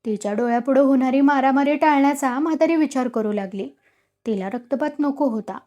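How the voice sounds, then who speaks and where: Female storyteller, high pitch, dramatic expressive story reading. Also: a little fast, lo-fi sound. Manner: dramatic, vivid narration.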